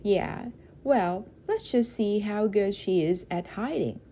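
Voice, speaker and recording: A woman's voice: mid-range voice, lively intonation, slow, warm tone, a little hiss or hum. A woman voicing a playful, bossy young girl in a storybook reading, whiny and pleading. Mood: teasing.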